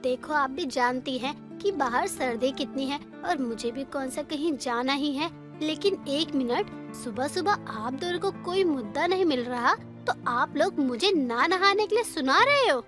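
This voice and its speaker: A woman's voice: sits high, lively intonation, normal speed, few pauses, music in the background. A woman voicing a lazy young sister-in-law who makes whiny, wheedling excuses.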